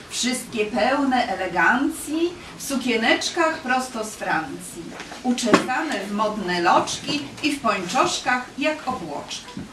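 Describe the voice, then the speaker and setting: A woman's voice: a little high, a bit bright. A woman reciting a rhymed poem to children in a lilting, rhythmic way. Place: library hall with children. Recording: echoey hall, distant mic, faint noise.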